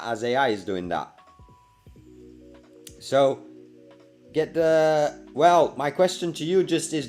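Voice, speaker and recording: A young man hosting a casual live stream, reading and answering viewer comments by name in a relaxed, chatty way. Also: mid-range voice.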